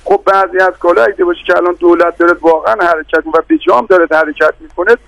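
A middle-aged man speaks insistently but courteously as a radio guest defending shopkeepers. His voice sits high and has a gravelly fry. The sound is dry and close. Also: steady tone, fairly bright tone, dry recording, rough recording. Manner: insistent, polite, repeatedly addresses the host. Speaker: bazaar guild representative, radio guest. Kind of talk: phone-in radio debate.

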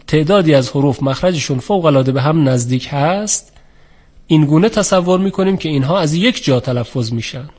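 Measured man teaching phonetics, slightly high voice. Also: darkish tone. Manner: measured, formal, with polite set phrases. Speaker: Quran recitation teacher. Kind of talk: explanatory lecture on pronunciation.

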